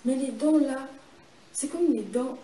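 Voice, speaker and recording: A woman's voice: high voice, unhurried, dark tone. A woman giving a personal testimony in conversation, telling her story vividly and acting out what happened. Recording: echoey and distant with noise.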